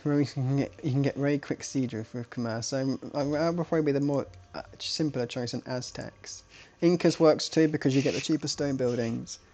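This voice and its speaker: A man's voice: medium pitch, brisk, hardly any pauses, darkish tone, faint music behind. A man casting a strategy game live, talking in a chatty, rambling way, often restarting his sentences. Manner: rambling, self-correcting, chatty. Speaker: esports caster.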